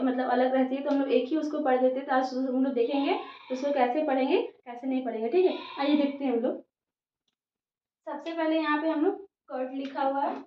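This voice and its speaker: High-voiced woman teaching in a roomy echo. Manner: repetitive, many fillers, explains word by word. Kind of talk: casual spoken lesson. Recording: dull, roomy, distant from mic.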